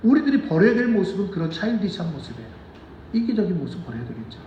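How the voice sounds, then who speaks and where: A man preaching a sermon as pastor, animated and asking the congregation questions, sometimes acting out children's voices. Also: high-pitched, rapid-fire, reverberant, recorded from a distance, dull audio, slight background noise. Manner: acts out children's voices in quotes. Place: church sanctuary.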